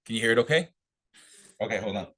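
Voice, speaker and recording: A man's voice: on the low side, lively intonation, fast talker, pushed and bright, husky. A man chatting casually and easygoing while checking his microphone before presenting to colleagues on a video call. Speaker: presenter at a real estate office meeting. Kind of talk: casual chat while testing audio. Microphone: own microphone on a video call.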